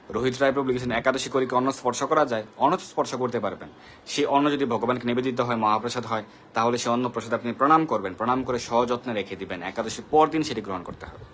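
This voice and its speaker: A man's voice: medium pitch, fairly bright tone, slight background noise. A man hosting a live devotional question-and-answer session, patiently explaining and greeting viewers by name. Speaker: devotional Q&A host.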